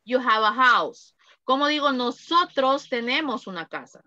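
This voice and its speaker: Slow bright-voiced woman teacher, dull audio. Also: high-pitched, expressive, no echo. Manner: slow, prompts students with questions. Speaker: English teacher. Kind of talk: online class drilling.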